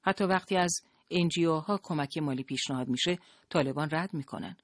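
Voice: mid-range voice, no room sound, clean studio sound, natural voice. A narrator voicing a small, impatient woman doctor. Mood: exasperated.

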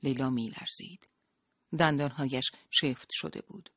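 Steady audiobook narrator, dry close sound. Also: mid-range voice, no room sound.

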